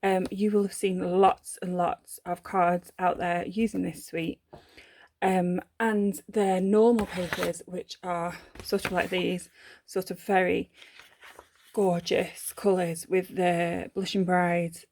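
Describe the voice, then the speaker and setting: Gravelly-voiced chatty woman unboxing craft supplies. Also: fairly low pitch, flat delivery, slow pace, a little mellow. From United Kingdom. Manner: chatty and gushing, with many ums and self-corrections. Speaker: papercraft vlogger. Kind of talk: casual unboxing chat.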